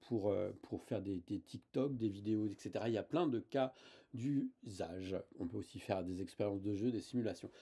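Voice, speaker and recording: A man's voice: on the low side, vocal fry, warm tone, breathy edge. A man hosting a casual tech tutorial, talking hesitantly with many fillers and restarts.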